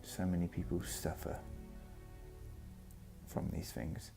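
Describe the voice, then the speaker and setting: A man giving a reflective, personal vlog monologue, speaking earnestly in short, halting phrases. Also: sits low, gravelly. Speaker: vlogger. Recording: music behind the voice.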